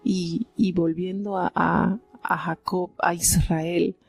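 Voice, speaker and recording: A woman's voice: lowish voice, flat delivery, slow, vocal fry, breathy edge. A woman from Venezuela, giving heartfelt devotional Bible commentary and often asking her listeners "¿verdad?".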